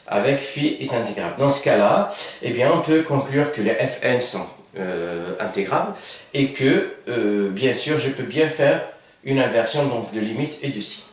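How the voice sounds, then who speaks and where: Echoey, hesitant male math teacher. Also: mid-range voice. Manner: hesitant, many fillers and self-corrections. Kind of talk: whiteboard math lesson. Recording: echoey room, mic far off.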